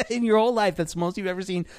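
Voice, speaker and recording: A man's voice: high voice, quick pace, a little mellow. A man hosting a casual chat, laughing often and echoing guests' words back as questions. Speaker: host.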